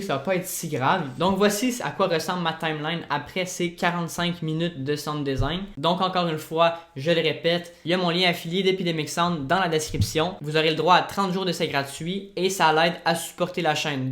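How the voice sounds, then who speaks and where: A man with a Québécois accent, talking casually through his editing work as a vlogger and breaking into loud, delighted exclamations. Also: fairly high pitch. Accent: Québécois French. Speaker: video editor and YouTuber. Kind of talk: casual vlog commentary while working. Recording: roomy echo.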